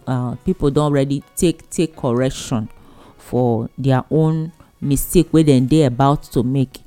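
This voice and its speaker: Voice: mid-range voice, warm tone. A programme host with a Nigerian accent giving advice on family life in a conversational, preachy way, repeating phrases for emphasis.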